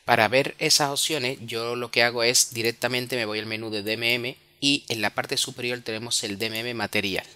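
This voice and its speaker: Guiding viewers through software in a screen recording, a man from Spain speaks with a Spanish accent, often fixing his own wording and tacking on tag questions. His medium-pitched voice is clean and steady, at a moderate pace with hardly any pauses.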